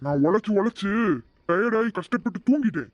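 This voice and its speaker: A woman's voice: medium pitch, animated, brisk, darkish tone, no room sound, highs cut off, lightly acted. A woman playing a tired, grumbling middle-aged father who scolds his family.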